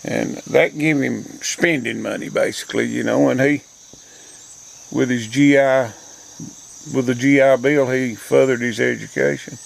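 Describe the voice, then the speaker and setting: Older man, Appalachian accent, heavily creaky voice, folksy unhurried monologue, faint outdoor insects behind. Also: mid-range voice, steady tone, low-quality recording. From Appalachian mountains, southern US. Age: older, grandparent. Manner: folksy, plainspoken mountain dialect. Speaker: host. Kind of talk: rambling, reflective front-porch monologue. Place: outdoors, rural porch. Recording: outdoor insect and nature noise.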